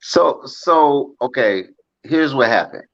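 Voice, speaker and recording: A man's voice: mid-range voice, animated, slow pace, a bit bright. Joking fifty-year-old man on dull phone audio. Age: 50s. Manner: joking, laughs a lot, defensive banter. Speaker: host. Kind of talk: casual chat.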